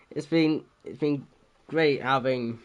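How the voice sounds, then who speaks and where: A stream host with a cold sounds a bit congested as he chats casually, rambling and unsure with many restarts. His voice is medium-pitched and slow, and the audio has its highs cut off plus a little hiss or hum.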